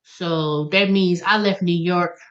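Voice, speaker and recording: Slow and steady, her lowish voice a bit bright against dull audio, an early-fifties American woman rambles casually on her livestream. She works through her thoughts aloud, circling back to repeat and correct herself.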